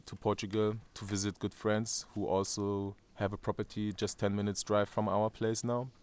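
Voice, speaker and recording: Clear and resonant, a little mellow and on the low side, the voice keeps a level tone at normal speed. It belongs to a man in his thirties from Germany, German-accented, who hesitates with many fillers and restarts while interviewed on a terrace above a valley.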